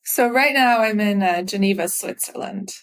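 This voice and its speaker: Brief: mid-pitched woman guest, thoughtful, laughs lightly between points. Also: moderate pace. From Belgium and the U.S. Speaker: podcast guest. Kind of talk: casual podcast interview.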